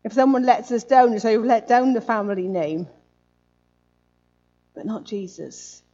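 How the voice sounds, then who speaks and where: A woman's voice: on the high side, a little slow, warm tone, highs cut off. A woman preaching a sermon in a conversational way, often adding tag questions.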